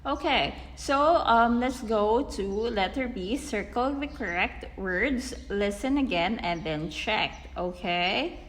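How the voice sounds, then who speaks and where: A woman's voice: on the high side, lively intonation, slow, few pauses, fairly bright tone, in a large hall. A woman English teacher explaining a textbook lesson in a patient, repetitive way, often checking with "okay?".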